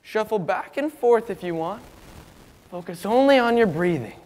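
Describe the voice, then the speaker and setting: A fussy, earnest teacher, acted by a young man in a comic teacher impression. The voice is high and lively, with deliberate, stretched words. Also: in a large hall. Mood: calm instructing. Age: young adult. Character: fussy, earnest male teacher, easily exasperated with pupils. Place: school classroom.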